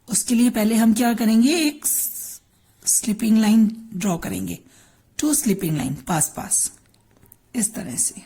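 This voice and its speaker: Slow, patient Indian woman teacher. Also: on the high side, warm tone. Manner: patient, talks to children as "beta", repeats words for them. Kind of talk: children's drawing and Hindi lesson.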